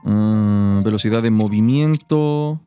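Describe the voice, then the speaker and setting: A man's voice: fairly low pitch, slow, dark tone, smooth, faint music behind. A man in his thirties with a Mexican accent giving joking, slangy live game commentary. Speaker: game streamer. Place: indoor streaming room.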